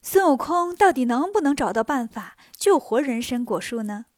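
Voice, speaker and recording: A woman narrating a children's story in a lively way, switching voices for the characters. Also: high voice, moderate pace, no room sound, studio quality. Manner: lively, shifting into playful voices for each character.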